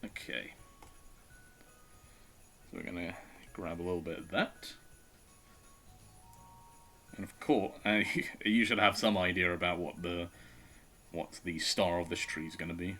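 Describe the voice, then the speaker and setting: A man's voice: sits low, fairly even intonation, measured pace, long pauses, pushed and bright, soft background music. A man streaming live, chatting casually and with a self-deprecating tone as he thinks aloud while he draws.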